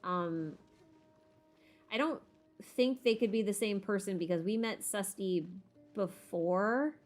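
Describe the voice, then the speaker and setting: A woman with a medium-pitched voice speaks slowly while hosting a livestream, thinking aloud as she answers viewer questions. Her manner is casual and opinionated, her phrasing informal and emphatic, with music playing behind her.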